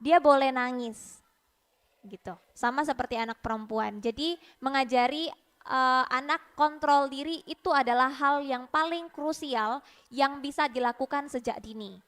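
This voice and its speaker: A woman psychologist on a talk show, explaining in a measured way. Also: high-pitched, a bit bright. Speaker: psychologist guest.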